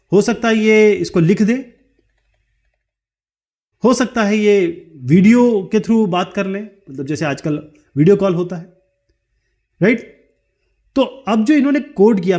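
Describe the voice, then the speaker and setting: A man with a noticeably high-pitched voice explains a lesson step by step. He illustrates each point with everyday examples and keeps asking "right?" to check in. He slips English technical terms into his explanations. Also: a little mellow. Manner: checks in with frequent "right?" tag questions. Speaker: teacher. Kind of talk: explanatory lecture.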